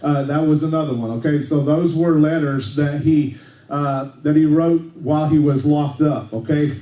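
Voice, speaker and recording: A man's voice: on the high side, fairly even intonation, normal speed, dark tone. Conversational preacher man in echoey church. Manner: conversational, tag questions like okay, frequent restarts. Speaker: pastor. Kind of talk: sermon. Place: church sanctuary. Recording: echoey church room, mic at a distance.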